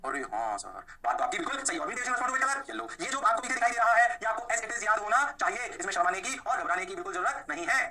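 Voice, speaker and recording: A man teaching physics in a lively lecture, mixing Hindi and English and answering his own questions in a lower voice. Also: racing, few pauses, distant mic, crowd noise.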